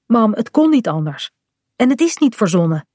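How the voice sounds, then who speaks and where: A woman's voice: fairly high pitch, very animated, normal speed, darkish tone, no room sound, studio quality. A woman voicing a young boy in a children's storybook reading, a bit grumbly and mumbling. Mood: explaining. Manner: mumbling, slightly sulky. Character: young boy, a bit grumpy, tired rower.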